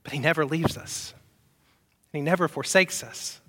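A man preaching a Sunday sermon as pastor, asking the congregation rhetorical questions and swinging between loud emphatic peaks and soft, quiet asides. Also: fairly high pitch, normal speed, long reverb tail.

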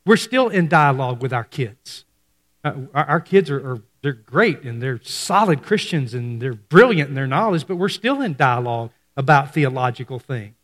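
A man's voice: mid-range voice, expressive, normal speed, in a large hall. A man preaching a sermon as pastor, talking conversationally to his congregation and dropping his voice for emphasis. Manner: conversational preaching, acts out quoted voices, drops to hushed emphasis.

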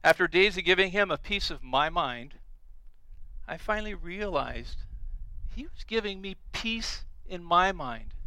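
A man's voice: high voice, pushed and bright, poor audio. A middle-aged man preaching a sermon, earnest and emphatic, repeating key phrases.

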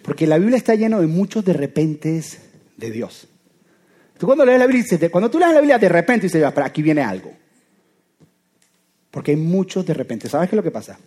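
A preacher delivers a sermon in a high voice that climbs and dips freely, speaking fairly quickly and pausing often. He stays conversational and animated, firing rhetorical questions at his listeners.

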